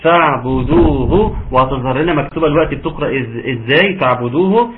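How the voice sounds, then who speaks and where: A man with an Egyptian accent teaching a tajweed lesson, patient and encouraging, sometimes slowing into drawn-out recitation. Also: mid-range voice, expressive. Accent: Egyptian Arabic. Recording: narrow phone-like audio, faint hiss.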